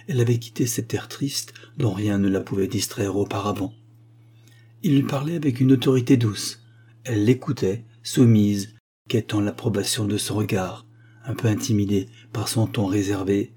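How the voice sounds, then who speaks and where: A man narrates a short story in audiobook style. His voice is mellow and a little breathy. He acts out the dialogue lightly and rises in pitch for the female characters. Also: normal speed. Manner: gently acts out the dialogue, lifting his voice for the women's lines. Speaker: reader.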